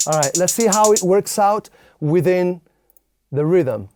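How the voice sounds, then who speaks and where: Over a drum machine and synths, a man with a high, expressive voice explains a studio tutorial step by step at a measured pace. As the music producer, he occasionally vocalizes drum rhythms.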